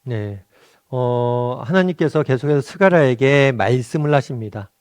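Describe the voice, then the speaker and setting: A man, the pastor, giving a morning devotional sermon. He talks in a conversational way, keeps asking the listeners questions and answering them, and slows down when he quotes Scripture or acts out what people say. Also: mid-range voice, lively intonation, darkish tone, clean tone, dry recording. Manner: slows down to act out quoted lines.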